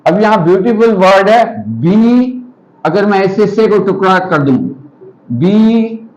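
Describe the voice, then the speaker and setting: A man's voice: high-pitched, normal speed, lo-fi sound. A man teaching an English grammar lesson, patiently explaining step by step with example sentences.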